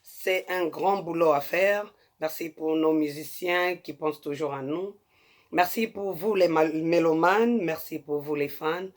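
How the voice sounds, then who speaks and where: A woman's voice: sits low, unhurried. A woman hosting a talk show, giving marriage advice in an emphatic, repetitive way and speaking straight to her listeners. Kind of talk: preachy talk-show monologue.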